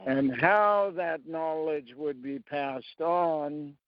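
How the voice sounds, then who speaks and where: A man talking through a slow, rambling monologue, pausing often between short phrases. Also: fairly high pitch, no echo, lo-fi sound. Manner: halting, long pauses between phrases. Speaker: speaker sharing beliefs.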